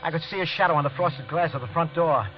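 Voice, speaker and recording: Playing a panicky killer on the run, an actor with a fairly high, lightly acted voice gives first-person narration in the manner of a 1940s-50s radio thriller. He sounds haunted and brooding, hurried and tense, stammering when questioned, over the music of a dull old broadcast.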